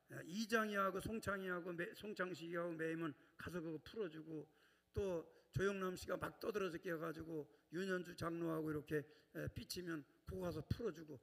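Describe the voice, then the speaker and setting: Long reverb fills this church sanctuary recording of a man preaching in a high, somewhat bright voice. The pastor keeps his sermon chatty, often turning to the congregation to prompt them.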